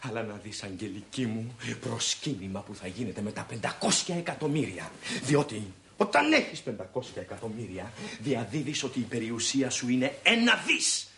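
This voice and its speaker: An actor playing a boastful, excitable husband who rants with swagger about the riches he expects. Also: medium pitch, echoey room, a little hiss or hum. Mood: bragging. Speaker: husband scheming to get rich.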